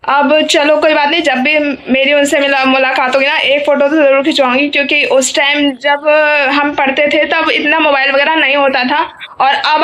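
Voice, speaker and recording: A woman's voice: sits high, a bit bright. A young woman vlogger talking casually to her viewers in an emotional, rambling way, often correcting herself. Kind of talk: casual vlog talk.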